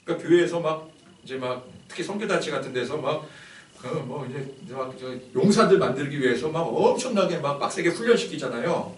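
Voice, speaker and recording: A male pastor preaching a sermon in a conversational, animated way, full of fillers. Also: on the high side, a little fast. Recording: roomy church hall, distant mic.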